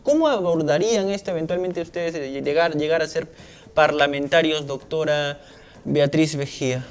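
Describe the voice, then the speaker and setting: A man's voice: on the high side, moderate pace. A man hosting a panel, asking formal, long and winding questions. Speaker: host. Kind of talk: interview questions.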